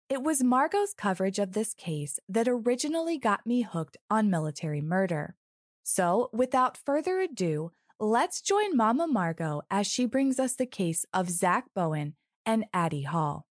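Female podcast host, animated melody, friendly and informal, dry studio-close sound. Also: mid-range voice, moderate pace, dry recording. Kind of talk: scripted podcast introduction.

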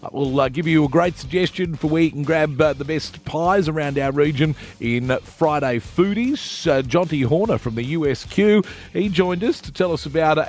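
A man's voice: on the high side, darkish tone. An Australian man hosting a radio show in a conversational, matey and informal way.

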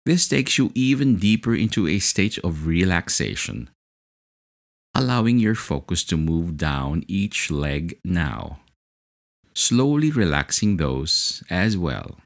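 Slow, deep-voiced man guiding hypnosis. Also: sing-song, gravelly. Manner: slow, soothing, hypnotic delivery. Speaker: hypnosis guide. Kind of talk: guided hypnosis relaxation script.

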